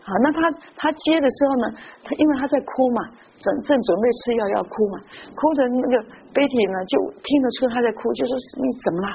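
Fast-talking woman preacher, lo-fi. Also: high-pitched, gravelly, slightly rough. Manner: lively storytelling with frequent interjections. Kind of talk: sermon with personal stories. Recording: muffled lo-fi recording with faint noise.

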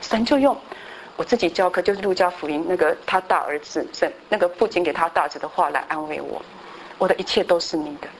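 A middle-aged woman teaching a Bible class, telling a personal story in an animated way, mixing in English words. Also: fairly low pitch, fast, a little hiss or hum, poor audio.

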